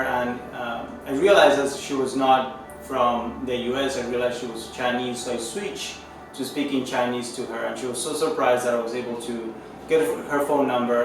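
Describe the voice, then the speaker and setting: Brief: man, 30s, from Chile, Spanish native, consultant testimonial; earnest, halting, many restarts; mic set back in a roomy, echoing space. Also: mid-range voice. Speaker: management consultant. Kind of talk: testimonial interview. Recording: echoey room, distant mic, music underneath.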